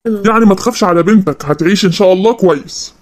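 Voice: mid-range voice, racing, natural voice. A voice actor playing a teasing, middle-aged father of the groom in an Egyptian cartoon. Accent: Egyptian Arabic. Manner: mocking.

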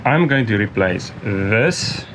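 This man in his fifties has a voice on the low side and speaks slowly but animatedly while vlogging about cleaning his catamaran. His explanation is plain and step-by-step, with restarts, recorded on deck with a close-held action camera amid outdoor noise.

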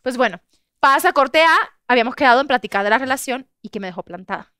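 Lively high-voiced woman telling a story. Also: fast talker, clean tone, dry recording, studio quality. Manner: expressive storyteller, acts out quotes with loud outbursts and laughs. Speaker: guest host telling a story. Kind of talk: animated anecdote on a chat show.

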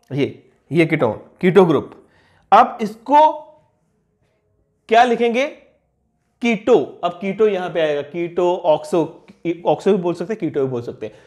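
A high-pitched young man teaches a chemistry class at the board. He asks questions and answers them himself, repeating each key term slowly so it sticks. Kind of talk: classroom lecture explaining on a board.

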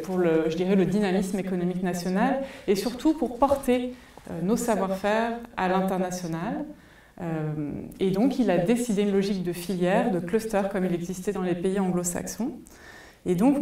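This conference speaker is a French woman in her forties with a mid-range, dark-toned voice, using a headset mic in a big cinema hall. Her talk is thoughtful and peppered with hesitation fillers. The recording is echoey, placing her voice at a distance.

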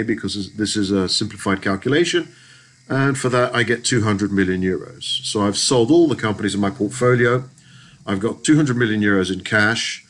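A man's voice: on the low side, fairly bright tone, rough recording. A man giving a methodical, step-by-step lesson as a voice-over on a screen recording, with some restarts. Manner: methodical, explanatory, frequent restarts. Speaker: lecturer. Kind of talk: screen-recorded spreadsheet walkthrough.

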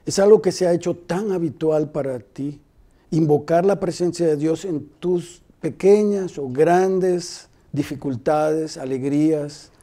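A man in his sixties, a pastor hosting a devotional TV show, talking calmly and reflectively in a studio on a lapel mic. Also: on the high side, unhurried. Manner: calm, reflective, paraphrases the guest. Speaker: pastor and TV host. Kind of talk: devotional TV interview. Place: TV studio set, indoors.

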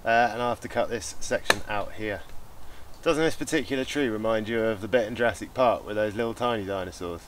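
Out in the woods in the rain, a bushcraft vlogger records himself chatting cheerfully and throwing in jokey asides. He speaks briskly with a fairly low pitch, and the background is noisy.

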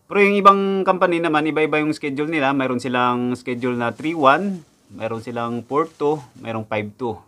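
A young man from the Philippines talks straight to a close camera in a casual vlog. He is chatty and explanatory, often calling out to his viewers and going back over the same numbers. His pitch sits at an ordinary middle level for a man. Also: a little fast, bright, forceful tone. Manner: chatty, repeats figures and addresses viewers often. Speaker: vlogger, overseas factory worker. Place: indoors in front of a backdrop.

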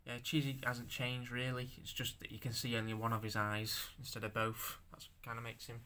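A young man with a bright, forceful voice shows off his handmade figures in a loose show-and-tell. He stammers, restarts and swears as he goes, and he sounds unused to talking out loud. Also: mid-range voice, completely flat delivery. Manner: halting, stammering, swears, self-conscious. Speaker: stop-motion creator showing his figures.

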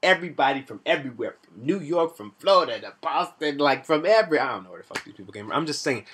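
A young man hosting a vlog, reviewing a college party in animated, slangy storytelling with shout-outs. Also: fairly high pitch, quick pace, a little hiss or hum.

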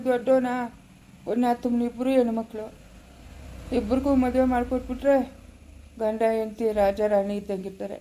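A woman playing a loving, worried elderly father who soothes his daughter gently and repeats himself in a family skit. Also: high voice, lightly acted. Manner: gentle, soothing, repetitive pleading.

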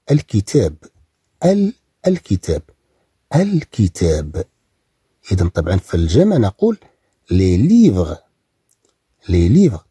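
Husky Moroccan man teaching French. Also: lowish voice, warm tone, no echo, studio quality. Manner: repeats words slowly, drawn out for pronunciation. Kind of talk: recorded language lesson.

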